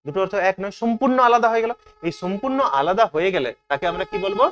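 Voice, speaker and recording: A man's voice: high-pitched, lively intonation, very fast. A man teaching an exam-prep lesson. He asks questions and then answers them himself.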